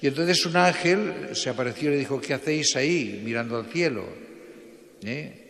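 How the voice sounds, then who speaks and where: A man's voice: mid-range voice, moderate pace, fairly bright tone. A man with a Spanish accent from Spain preaches an informal homily as a priest, conversational, repeating phrases and adding questioning tags, with cathedral echo. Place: church, indoors. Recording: reverberant church, long echo.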